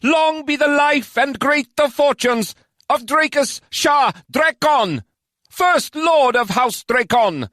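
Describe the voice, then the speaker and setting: A male narrator voicing a pompous elf house lord with a high-pitched nasal voice, making grand ceremonial proclamations. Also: lively intonation, slow pace, bright, forceful tone, no room sound, studio quality, exaggerated voice. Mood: proclaiming. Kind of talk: audiobook character voice.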